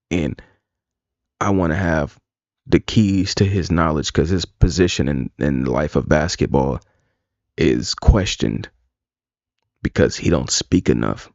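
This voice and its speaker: A man's voice: very deep voice, no echo. A man streaming live, talking casually, rambling and bluntly profane. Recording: dull lo-fi dry sound.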